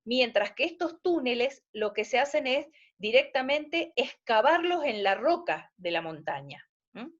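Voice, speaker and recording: A woman explains a technical lesson over a video call, pausing to check in with her students. Her voice comes through choppy, stuttering and cutting out as the connection buffers. The sound is dull and muffled, and her voice sits a bit high. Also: big pitch swings. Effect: choppy audio cutting out over a video call. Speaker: university lecturer in hydraulics. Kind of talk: online lecture.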